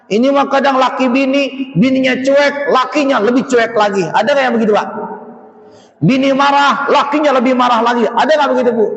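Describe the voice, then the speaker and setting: High-voiced preacher joking with the crowd, big echoey hall, kinda muffled. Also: male voice. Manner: jokey, keeps asking the audience questions. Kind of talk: mosque sermon with audience banter. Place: mosque hall.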